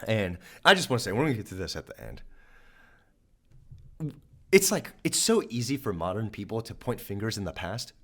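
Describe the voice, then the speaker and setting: This Georgia man's Southern-accented voice sits fairly low, and he speaks briskly with frequent pauses. As a co-host on a church podcast, he gives a casual history explanation, lively and playfully voicing different nations.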